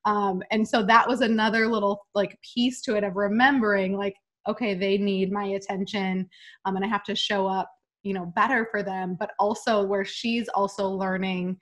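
A woman's voice: medium pitch, normal speed. A woman hosting an interview, chatting casually and telling stories animatedly, acting out what people said. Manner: animated storyteller, acts out quotes. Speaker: podcast host.

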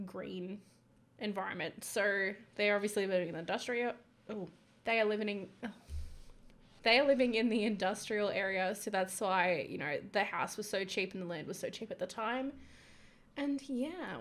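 A woman giving casual, chatty commentary over life-sim gameplay, excitable, with frequent whispered asides. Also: mid-range voice. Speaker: gaming YouTuber.

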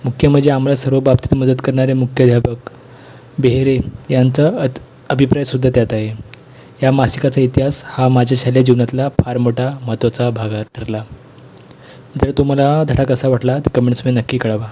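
A man reading a school textbook lesson aloud in a plain, measured way. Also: medium pitch, little pitch movement, mellow.

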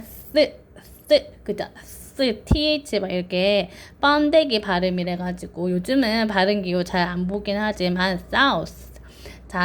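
A woman teaching children online, patiently counting strokes aloud and drilling pronunciation. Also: medium pitch.

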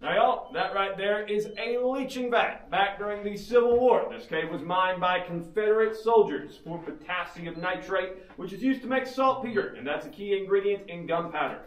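A man's voice: high-pitched, normal speed, few pauses, recorded from a distance. A man working as a cave tour guide, giving rehearsed talking points to a group in a casual, folksy address, with his voice echoing in a cave. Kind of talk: scripted tour talk to a walking group. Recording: echoey cave, voice away from mic.

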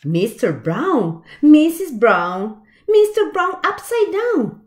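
Her voice sits high as she reads a picture book to young kids, very slow and animated. The woman stays expressive, weaving in asides and questions to the listeners, within a small room with shelves.

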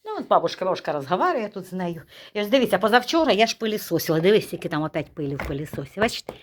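Lively woman chatting at home. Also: fairly low pitch, rapid-fire. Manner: lively, teasing, talks to the dog in baby talk. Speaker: vlogger. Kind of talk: casual home vlog chat.

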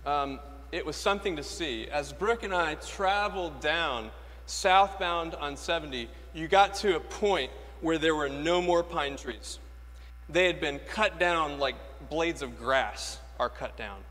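Slightly slow and a little high, with a somewhat bright tone, an American man from Florida preaches as an Anglican priest. Standing at a lectern in a large church that echoes with long reverb, he delivers his sermon emphatically, asking rhetorical questions and repeating key phrases.

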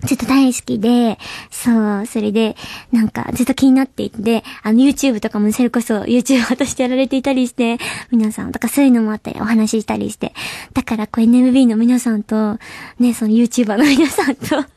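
A woman's voice: a little high, steady tone, fairly quick, mellow, no echo. A young woman hosting a radio show, chatting casually and reading listener mail in a bubbly, giggly way. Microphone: studio mic.

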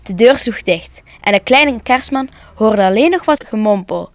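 A woman narrating a children's Christmas story for broadcast, calm and expressive. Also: on the high side, moderate pace, no echo.

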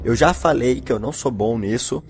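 A young man from Brazil commentating a video game, excitable, switching between loud bursts and hushed whispers. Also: medium pitch, a little fast. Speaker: gameplay commentator. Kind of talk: Minecraft let's play commentary. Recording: faint game music behind.

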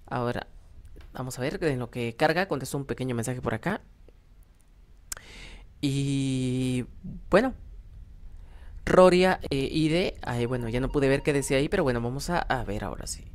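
A gaming YouTuber and host, a young adult man with a Mexican accent, rambles through casual, self-deprecating gameplay commentary while thinking aloud. He speaks at medium pitch and normal speed, pausing often, over background music.

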